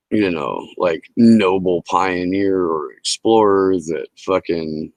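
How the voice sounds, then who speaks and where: A man's voice: low-pitched, no echo, rough recording. A middle-aged man hosting a livestream, ranting casually and profanely into a headset mic. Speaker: livestream host.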